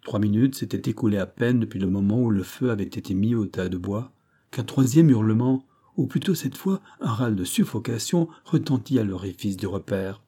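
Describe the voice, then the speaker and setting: A man reading a classic adventure novel aloud as an audiobook narrator, in a measured, even literary manner. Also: lowish voice, slightly rough.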